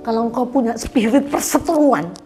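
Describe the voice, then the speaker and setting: A woman's voice: on the high side, expressive, moderate pace, a little mellow, faint music behind. A woman preacher giving an emphatic church sermon, often asking the congregation to agree with her. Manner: acts out quoted people in changed voices. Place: church service.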